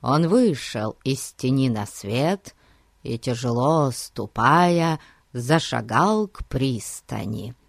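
A man reading a story aloud in a measured, expressive way. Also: medium pitch, gravelly, no echo, clean studio sound. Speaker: narrator.

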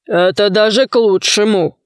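A woman voicing a stern young male warrior hero in a storybook reading, slow and menacing. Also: medium pitch, no echo, clean studio sound, natural voice.

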